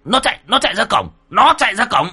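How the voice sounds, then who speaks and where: Male reader as tipsy old man, stammering high shouts. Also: very animated, measured pace, slightly rough, no room sound, studio quality, exaggerated voice. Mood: alarmed. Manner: stammering alarmed yelling.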